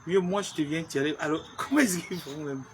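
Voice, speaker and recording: Chatty man with a higher voice. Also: a little fast, a bit bright, a little hiss or hum. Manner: chatty, joking, repeats himself. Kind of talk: casual chat reacting to viewers.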